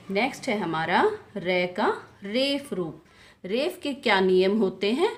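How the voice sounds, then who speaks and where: Slow-speaking teacher, echoey and distant. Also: female voice, medium pitch. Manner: patient, asks questions and answers them herself. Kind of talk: grammar lesson. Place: school classroom. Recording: echoey room, voice from far off.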